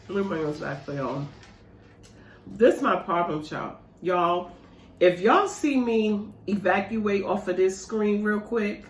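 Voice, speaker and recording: A woman vlogger, chatting casually and animatedly to her viewers while eating dessert at home. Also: on the low side. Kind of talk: casual mukbang chat to viewers. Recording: echoey room.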